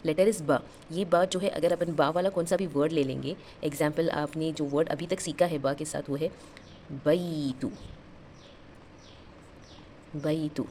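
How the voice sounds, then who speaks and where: Low-pitched woman teacher, patient drilling, faint background hiss. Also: darkish tone. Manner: repeats each term and drills example words slowly. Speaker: Arabic teacher. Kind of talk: explaining lesson, mixing Hindi and English.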